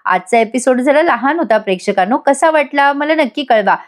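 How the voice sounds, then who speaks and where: A woman's voice: high voice, animated, brisk. Woman narrating a TV serial recap. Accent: Marathi. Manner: retells scenes and acts out the characters' quoted lines. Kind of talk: casual voice-over episode recap.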